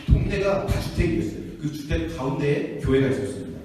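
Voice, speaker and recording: A man preaching a sermon to a youth group, telling stories in an animated way and acting out the people in them. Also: a little high, brisk, background noise. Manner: animated storytelling, acting out quotes. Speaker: youth pastor. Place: church hall. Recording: echoey hall from far off.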